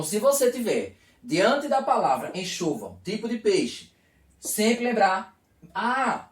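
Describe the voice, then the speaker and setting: Male teacher, lively voice, asks and answers his own questions, echoey room, recorded from a distance. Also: high-pitched. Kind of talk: video lesson.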